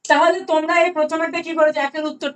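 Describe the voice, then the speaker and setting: A woman with a Bengali accent and a high voice gives an online grammar lesson. She explains patiently, slowing down to repeat key words and often checking whether her students have understood. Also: little pitch movement. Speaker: English grammar tutor.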